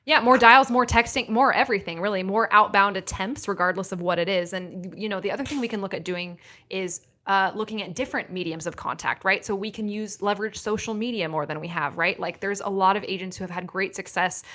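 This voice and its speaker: A woman's voice: medium pitch, fairly quick, hardly any pauses, sharp tone. A woman guest on a podcast, explaining tools and methods in a practical, upbeat way. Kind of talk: casual podcast interview.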